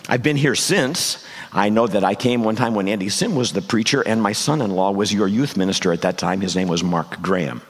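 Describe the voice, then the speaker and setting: Gravelly, hoarse older male preacher. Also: deep voice. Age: 60s or older. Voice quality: gravelly, husky. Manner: careful, deliberate phrasing. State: hoarse, voice nearly gone. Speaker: guest preacher. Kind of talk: sermon. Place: large church room, speaking to congregation. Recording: long hall reverb.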